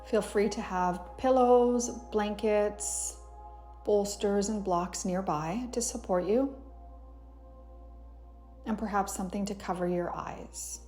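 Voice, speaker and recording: Leading a guided meditation, this female yoga teacher speaks at a very slow pace and medium pitch. Her delivery is gentle and soothing, her voice mellow and relaxed, and music accompanies her unhurried guidance.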